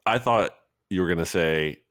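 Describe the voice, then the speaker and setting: A man's voice: sits low, normal speed, fairly bright tone, dry recording, clean studio sound. A man co-hosting a sports podcast in casual, conversational talk full of hedging asides. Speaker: podcast co-host.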